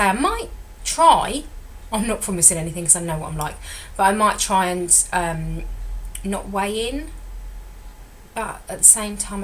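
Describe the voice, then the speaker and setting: On a low-quality recording with a little hiss or hum, a slightly croaky middle-aged woman, a weight loss consultant, rambles chattily through a diet vlog update. Her pitch is fairly low, and she frequently corrects herself.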